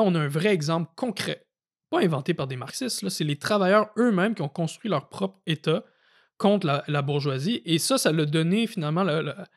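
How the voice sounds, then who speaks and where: A man with a Québécois French accent, co-hosting a casual podcast and explaining political history, often pausing on fillers and restarts as he thinks aloud. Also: fairly high pitch. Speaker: podcast co-host. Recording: audio-only podcast.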